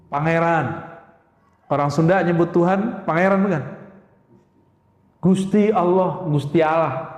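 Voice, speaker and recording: A man's voice: high voice, highs cut off. A man preaching a religious lecture, emphatic, putting rhetorical questions to his listeners. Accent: Indonesian. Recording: echoey hall with long reverb.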